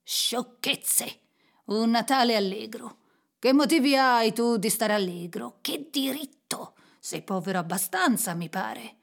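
A woman's voice: fairly high pitch, lively intonation, unhurried, gravelly. A woman voicing a miserly, grumpy old man who scorns everyone. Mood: scornful. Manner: sharp, scornful.

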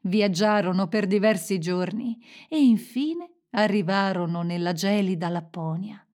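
A woman narrating a fairy tale in a gentle, expressive storytelling manner. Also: mid-range voice, a little slow.

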